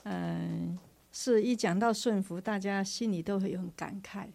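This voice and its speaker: A woman who hosts a church sharing, speaking softly and thoughtfully and sometimes almost whispering. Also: medium pitch, normal speed, vocal fry, slight background noise. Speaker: host of a church sharing session.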